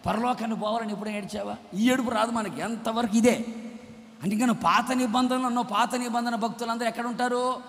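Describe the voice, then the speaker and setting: A man preaching a sermon as pastor, swinging between shouted bursts and low, quiet lines. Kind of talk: Telugu sermon. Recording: long hall reverb.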